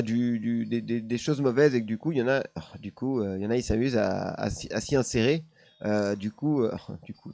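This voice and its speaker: A man's voice: mid-range voice, a little mellow, no echo. A man streaming live, casually telling a paranormal story while chatting with his viewers, laughing often and leaning on the same filler words.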